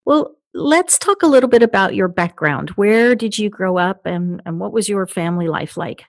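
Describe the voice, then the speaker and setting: A woman's voice: mid-range voice, lively intonation, moderate pace, no room sound. Dry-sounding female interviewer. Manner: attentive, gently probing.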